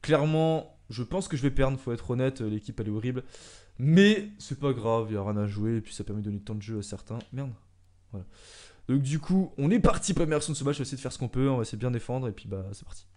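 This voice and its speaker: Young guy yelling over his soccer game, chill one sec then shouting when a shot comes, let's-play vibe. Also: mid-range voice, fast talker. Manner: bursts into loud excited shouts during play, then calm musing. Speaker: video game player commentating his own match. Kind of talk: excited let's-play commentary.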